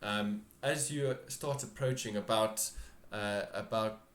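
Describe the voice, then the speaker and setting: Slow, halting male game master, echoing room. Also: lowish voice, a bit bright. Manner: halting, searching for words, repeats phrases. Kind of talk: improvised tabletop game narration. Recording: roomy, echoing home recording.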